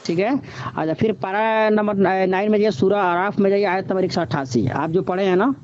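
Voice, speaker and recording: A man's voice: sits high, brisk, darkish tone. A man on a phone call teaching scripture verse by verse, often checking that he is heard and understood. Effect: voice heard over a phone line. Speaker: religious teacher citing scripture. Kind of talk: phone lesson guiding the listener through verses. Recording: dull lo-fi phone line with faint hiss.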